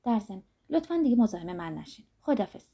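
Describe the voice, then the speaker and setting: A woman reading the lines of a proud, angry young female student who speaks loudly and accusingly. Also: medium pitch, very animated, breathy edge. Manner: loud, sharp and accusing.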